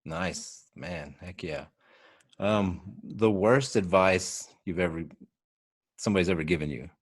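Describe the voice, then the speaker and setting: A man with a very deep voice hosts a podcast. He keeps things laid-back and casual, dropping slang as he asks his questions. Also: unhurried, husky. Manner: laid-back, with slang like "bro" and "heck yeah". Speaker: podcast host. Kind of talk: casual interview.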